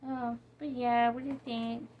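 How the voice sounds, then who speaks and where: A woman talks through a soap review in a loose, casual way. She reads ingredient names slowly and wanders between thoughts, stopping and restarting often. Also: on the high side, little pitch movement, dull audio. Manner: rambling, reading ingredients slowly, with many fillers and restarts. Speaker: vlogger reviewing soaps. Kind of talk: casual product review chat.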